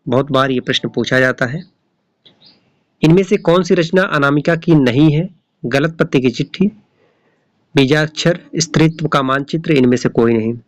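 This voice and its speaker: A man's voice: fairly high pitch, dry recording. A man tutoring for a Hindi exam, reading each question and its options aloud, then repeating the right answer.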